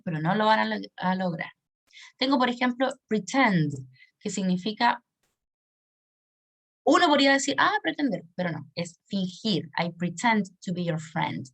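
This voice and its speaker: A woman, an English teacher giving a recorded lesson. She repeats words slowly and keeps checking that her students are following. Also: mid-range voice. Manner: patient, checks understanding with frequent tag questions.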